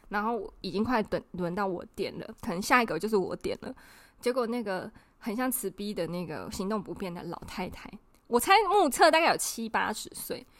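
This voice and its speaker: A woman, co-hosting a podcast and telling a story in an indignant, animated way, acting out the people she quotes. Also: mid-range voice, dry recording. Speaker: podcast co-host. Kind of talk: casual storytelling chat.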